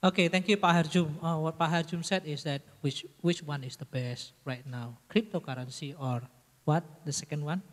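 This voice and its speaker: A man's voice: on the high side, steady tone, normal speed. A man moderating a lecture Q&A session, talking in an informal way. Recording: reverberant hall.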